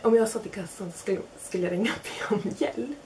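A woman's voice: mid-range voice, a little hiss or hum. A young woman casually telling a self-mocking anecdote, acting out the other people in it. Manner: animated, self-mocking, acts out quotes. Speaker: storyteller.

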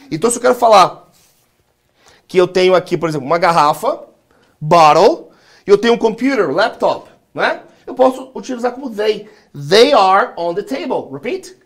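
A man's voice: sits high, expressive, moderate pace. A Brazilian man teaching English in a live class, leading call-and-repeat drills and joking with his students. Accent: Brazilian Portuguese.

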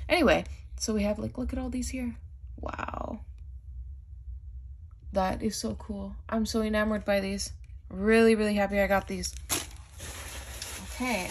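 A woman's voice: medium pitch, slight background noise. A young woman vlogger chatting casually through an unboxing haul, gushing over items, saying "like" a lot, with the hiccups. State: has the hiccups.

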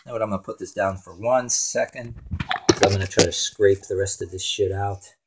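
Cooking-show host, male, lowish voice, rambling and profane, noisy phone recording in a home kitchen with clattering pans. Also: fairly even intonation, fairly quick. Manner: rambling, swears casually, talks to himself while working. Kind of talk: casual cooking narration.

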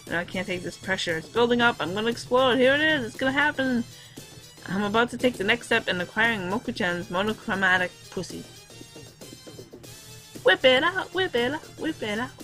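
A woman's voice: medium pitch, fast talker, bright, forceful tone, faint music behind, lightly acted, poor audio. A woman voicing a flustered, overeager teenage boy protagonist while reading a visual novel aloud, in a melodramatic inner-monologue manner.

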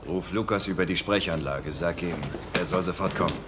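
An actor playing a cold killer in a TV crime drama, giving curt, menacing orders. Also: male voice, sits low, fairly quick, lightly acted. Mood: cold, controlled. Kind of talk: television crime drama acting. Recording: very noisy film soundtrack.

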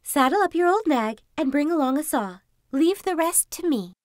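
A woman's voice: high-pitched, expressive, moderate pace, dry recording, clean studio sound, voice pushed up. A woman doing a bossy scheming fox. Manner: urgent, commanding, theatrical wailing. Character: clever scheming female fox, bossy and dramatic.

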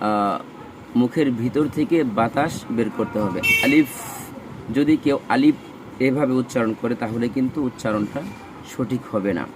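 A man teaching Arabic letter pronunciation in a slow lesson, saying each letter sound and repeating it for practice. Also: mid-range voice, darkish tone, slight background noise, poor audio.

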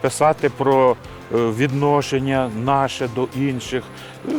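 An older man, a poet, giving reflective, unhurried answers in an interview outdoors. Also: medium pitch, little pitch movement, darkish tone, soft background music.

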